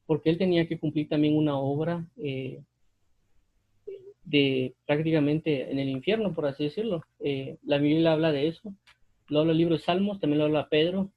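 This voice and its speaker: A man's voice: a little high, moderate pace, narrow, tinny audio. Hesitant man explaining scripture. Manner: hesitant, many fillers and restarts. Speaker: Bible teacher. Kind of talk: unscripted Bible commentary.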